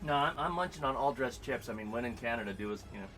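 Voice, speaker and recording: A man's voice: mid-range voice, lively intonation, quick pace, a bit bright. A man chatting casually on a game stream, playful and joking, laughing often. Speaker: streamer co-host. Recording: music playing behind the voice.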